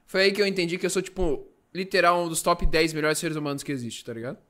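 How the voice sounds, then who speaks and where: A man's voice: on the high side, fairly even intonation, quick pace, sharp tone. A Brazilian man with a Brazilian Portuguese accent, reacting to memes in casual commentary that is profane and full of jokes. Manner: profane, joking, exclamatory. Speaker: meme reaction host.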